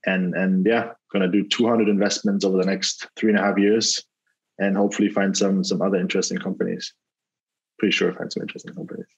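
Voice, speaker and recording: A man speaks in a very low, husky voice that stays flat and level. He talks casually and rambles, piling on fillers and restarts. The sound comes through dull lo-fi call audio. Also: fast talker. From Germany. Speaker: venture capital investor, guest. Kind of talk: casual interview over a call.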